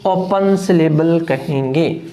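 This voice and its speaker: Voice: medium pitch, takes it slowly, dark tone. An English teacher giving a phonetics lesson, who poses questions to the class, answers them, and often checks whether everyone has understood. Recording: echoey room.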